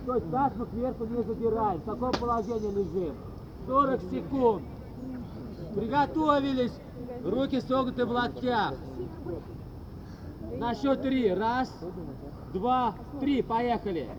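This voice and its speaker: A man's voice: very high-pitched, a little slow, pauses often, crowd noise. A man coaching a group workout like a gym bro, giving commanding, short, repeated cues and counts. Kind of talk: loud group workout instruction, counting and cueing. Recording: muffled, noisy outdoor recording with traffic.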